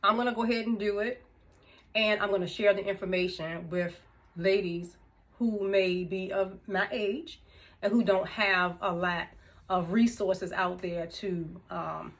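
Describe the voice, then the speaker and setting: A woman's voice: mid-range voice, steady tone, measured pace. A woman in her fifties chatting casually to camera as a vlogger, laughing often between thoughts. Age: 50s. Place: indoors, room with music she turned off.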